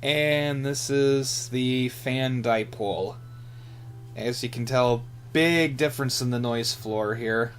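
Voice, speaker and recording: A man with a medium-pitched voice speaks slowly while casually demonstrating antennas as an amateur radio hobbyist. He's hesitant and off-the-cuff, often muttering to himself as he thinks aloud, with clear background hum and noise.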